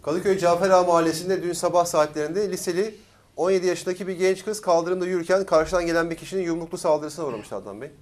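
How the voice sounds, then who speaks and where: Fast-reading male news co-host. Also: high voice. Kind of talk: read-out news report.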